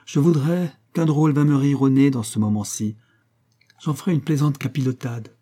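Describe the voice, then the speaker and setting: A man reading aloud voices an excitable young soldier nobleman with blustering, exclamatory speech. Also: medium pitch, moderate pace, voice pushed up, lightly acted.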